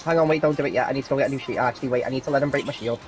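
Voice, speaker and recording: A young man chatting casually while playing a co-op game, swearing often and calling out quick directions. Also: mid-range voice. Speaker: gamer. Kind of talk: casual gaming chat.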